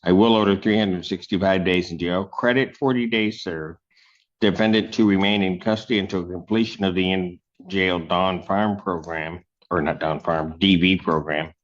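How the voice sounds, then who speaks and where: A man serving as judge, reading out sentencing and court orders in a measured, formal way, heard in a courtroom recording. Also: sits low, fairly even intonation. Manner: measured, formal, with occasional fillers. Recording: dull, lo-fi courtroom audio.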